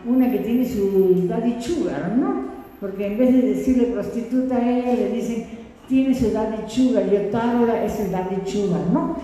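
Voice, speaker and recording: A woman's voice: on the high side, dark tone, a little hiss or hum. An older woman from Peru, giving a political lecture in a conversational, ironic way and tagging her points with rhetorical questions. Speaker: sociologist lecturer. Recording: echoey hall with long reverb.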